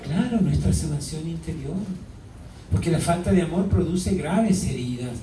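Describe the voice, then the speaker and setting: A man's voice: a little high, animated, warm tone, a little hiss or hum. A man preaching a sermon as a priest, questioning the congregation and stretching out key words. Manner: asks the congregation questions, drawn-out emphasis. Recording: echoey hall, mic far off.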